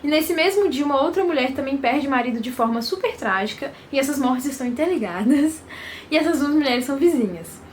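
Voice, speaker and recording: A woman's voice: sits high, animated, brisk, slight background noise. A young Brazilian woman chatting casually and effusively about books she read, with lots of fillers. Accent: Brazilian Portuguese. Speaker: book vlogger. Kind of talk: casual book review chat.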